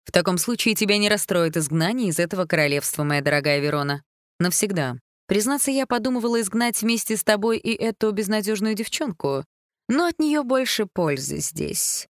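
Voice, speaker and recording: A woman voicing a jealous, cruel queen who shouts and mocks in an audiobook. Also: lively intonation, brisk, dry recording, studio quality, close to an everyday voice. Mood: sarcastic. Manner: shrill shouting and biting sarcasm.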